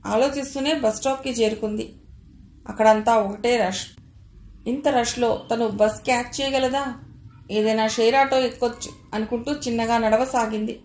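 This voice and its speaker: A woman with a Telugu accent reads a novel aloud as an audiobook, voicing the dialogue with little change from her narrating voice. Her voice sits fairly high, and the recording carries a noticeable room echo. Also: darkish tone. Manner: reads all characters in a near-plain narrating voice.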